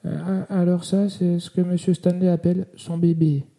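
A man voicing a shy, timid young female secretary in an audiobook, speaking softly and hesitantly with stammers. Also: high voice, flat delivery, moderate pace, voice pushed up. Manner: hesitant, stammering, soft-spoken.

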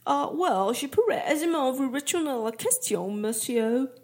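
A woman's voice: sits high, lively intonation, unhurried, a little mellow, heavily acted. A woman voicing a small, cheerful, red-haired man with an English accent who is polite and eager and drops English words into his French.

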